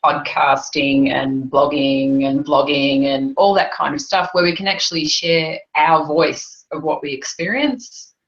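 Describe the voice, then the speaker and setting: Australian woman panelist, low voice, muffled lo-fi audio, emphatic. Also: flat delivery, unhurried, few pauses. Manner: emphatic, indignant. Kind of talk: panel discussion. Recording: dull lo-fi sound.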